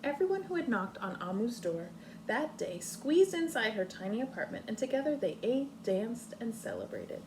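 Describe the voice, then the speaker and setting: This woman teacher's voice sits fairly high as she expressively and slowly reads a story to little children, halting to ask them things. Background noise is audible.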